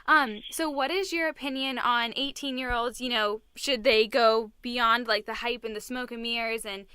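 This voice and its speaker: A woman's voice: a little high, steady tone, normal speed, bright, forceful tone, clean tone, dry recording, rough recording. A teenage girl hosting a youth radio show, asking interview questions in an eager, casual way with many fillers. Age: teens.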